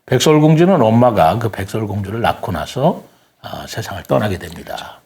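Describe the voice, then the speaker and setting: His voice sits on the low side, darkish in tone, animated and moderately paced. He is the guest writer in a reflective talk show, telling stories and giving earnest explanations in polite, formal speech.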